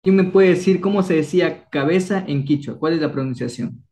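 A young Ecuadorian man teaches an online language class, coaxing students with encouraging quiz questions. His voice is a little high and dark in tone, and he speaks fairly quickly.

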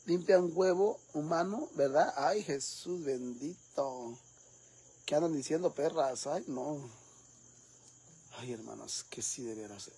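A man's voice: on the high side, takes it slowly, warm tone, husky, full character voice. A man with a Mexican accent playing a brash, foul-mouthed middle-aged woman who gossips with her viewers in a comic vlog. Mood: gossipy. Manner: crude, gossipy, addresses viewers as sisters.

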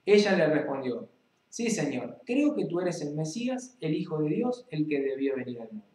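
Rioplatense male preacher, fairly high voice, reads scripture and speaks straight to the listener, roomy echo. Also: very animated, moderate pace, a little mellow. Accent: Rioplatense Spanish. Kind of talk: Bible reading and preaching.

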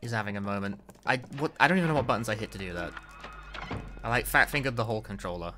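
Lively streamer, swearing and rambling. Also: male voice, medium pitch, fast, over music. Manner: rambling, self-mocking, swears, frequent "like". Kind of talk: casual live-stream commentary while gaming.

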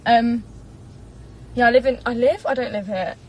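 A woman's voice: a little high, normal speed, darkish tone, a little hiss or hum, poor audio. Bubbly English woman chatting in a car. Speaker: singer doing a live stream. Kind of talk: casual live-stream chat reading comments. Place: parked car. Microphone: phone propped up in front.

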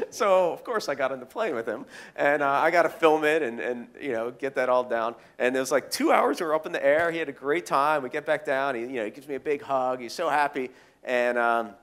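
A man telling goofy stories in a casual interview, animated and full of fillers. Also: mid-range voice, a little fast. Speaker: guest speaker.

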